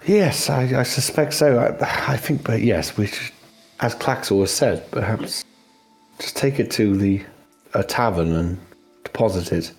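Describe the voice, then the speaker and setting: A man's voice: lowish voice, a little slow, vocal fry, faint music behind. A man running an online tabletop game as game master, hesitant with many fillers, over a video call.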